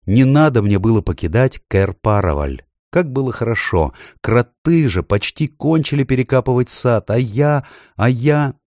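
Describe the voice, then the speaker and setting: A man voicing a tearful gentle young queen. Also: medium pitch, very animated, takes it slowly, dry recording, clean studio sound, voice pushed up.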